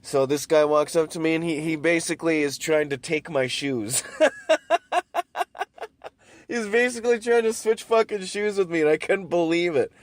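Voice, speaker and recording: A man's voice: a little high, brisk, hardly any pauses. A man hosting his own show, telling a story in a casual rambling monologue with lots of swearing and restarts, recorded while sitting in his car. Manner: rambling, profane, many restarts and fillers. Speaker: podcast host.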